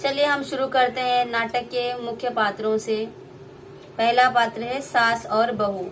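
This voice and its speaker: A friendly girl puppet, voiced by a young woman welcomes the audience slowly and warmly. The voice is fairly high, with a faint hiss behind it. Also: steady tone, recorded from a distance, low-quality recording. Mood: welcoming. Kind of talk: puppet play introduction.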